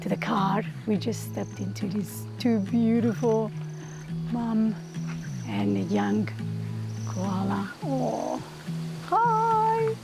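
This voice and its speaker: A woman's voice: medium pitch, expressive, slow, long pauses, over loud music. A woman presenting a nature documentary outdoors, talking casually and spontaneously to the camera. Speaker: wildlife presenter.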